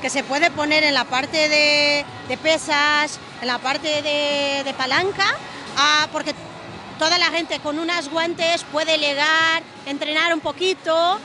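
A woman's voice: high-pitched, steady tone, takes it slowly, noisy background. A young woman with a Portuguese accent, a brand representative speaking in hesitant Spanish with many filler sounds at a fitness trade fair, into a handheld reporter mic. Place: large exhibition hall at a fitness fair. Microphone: handheld reporter mic held to her. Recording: loud music and crowd in hall.

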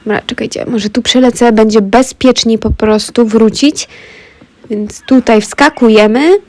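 In this casual let's play, a woman with a fairly high, darkish voice speaks at a measured pace to her viewers. She's clearly congested from a cold, her throat stuffy, but stays chatty throughout.

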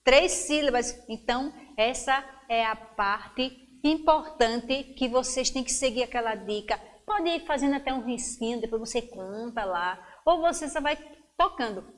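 A schoolteacher leads a lesson for young children in a high, expressive, unhurried voice. She encourages them warmly and draws words out one syllable at a time.

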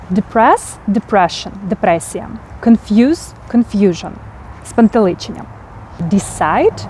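A woman's voice: medium pitch, darkish tone, a little hiss or hum. A woman with a Ukrainian accent teaching English vocabulary, explaining patiently and often checking in with "так?". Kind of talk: vocabulary lesson.

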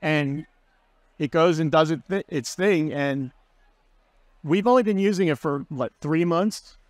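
A man talking through a work tool at a conference session, casual and keen. His voice sits a little high and sounds close and dry, with fillers as he goes. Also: measured pace, no echo. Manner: casual, enthusiastic, explaining with fillers. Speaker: guest speaker, learning and development manager.

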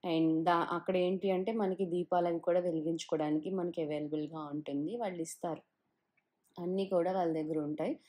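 A woman with a low, mellow voice talks through a walking tour on her phone. Her delivery is chatty and loose, sprinkled with English words and drawn-out "ahh"s. She is outdoors by a river. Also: steady tone. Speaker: travel vlogger. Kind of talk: casual walking-tour narration. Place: outdoors along a riverside town walk.

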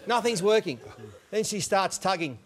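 A middle-aged Australian man with a high-pitched voice, telling a funny personal story to a panel. He is recorded in a television studio with loud noise behind him. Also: lively intonation, moderate pace. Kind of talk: comic anecdote in panel chat. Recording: very noisy live studio.

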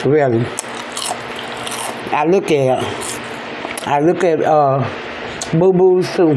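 Slow-talking man chewing while he talks. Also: fairly high pitch. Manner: relaxed, unhurried, talks between bites. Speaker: mukbang vlogger. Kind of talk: casual chat while eating. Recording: noisy home recording.

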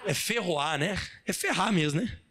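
A man preaching a sermon as pastor, animated, firing rhetorical questions at the congregation and shouting for emphasis. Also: high-pitched, normal speed. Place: church service hall.

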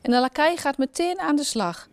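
Woman, children's storyteller, gentle expressive reading, dry close sound. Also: sits high, moderate pace, no room sound. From Netherlands.

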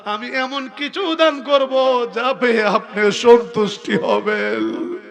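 A man's voice: very high-pitched, expressive, slow, fairly bright tone. A middle-aged man preaching an impassioned waz sermon in a tearful, wailing sing-song that rises into cries. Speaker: Islamic preacher.

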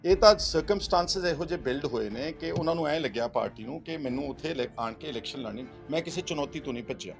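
A Punjabi-accented man speaks as a politician, his voice pitched high for a man. He answers with insistent, repetitive rhetoric and slips English phrases into his talk. Faint music sits under this news clip. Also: expressive, quick pace, gravelly, few pauses. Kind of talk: press interaction, mixing English phrases.

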